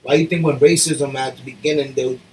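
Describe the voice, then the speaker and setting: A man's voice: medium pitch, fairly even intonation, fairly quick, recorded from a distance, a little hiss or hum, rough recording. A man talking in streetwise slang, rambling through explanations in casual podcast banter. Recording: voice a bit off-mic.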